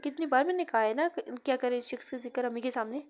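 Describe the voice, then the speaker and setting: A woman voicing a protective young man, gentle with his family, in a read-aloud novel. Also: high voice, fast, close to an everyday voice. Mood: angry.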